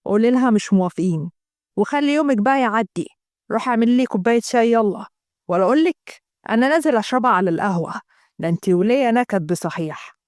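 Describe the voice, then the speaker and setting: A woman voicing a stern, gruff Egyptian father who brushes off his wife. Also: on the high side, lively intonation, quick pace, a little mellow, no room sound, studio quality, lightly acted. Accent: Egyptian Arabic. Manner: gruff, dismissive. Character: stern old-fashioned father, a man.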